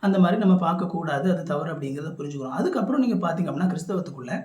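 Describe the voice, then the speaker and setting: A man's voice: high voice, a little mellow. Man teaching the Bible, echoey room. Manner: explanatory, repeats phrases, frequent fillers and restarts.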